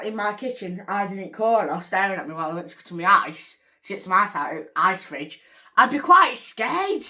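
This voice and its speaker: A woman's voice: a little high, pushed and bright. Jumpy chatty woman. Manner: chatty, jumpy and easily startled. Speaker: reaction video host. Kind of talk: casual reaction vlog.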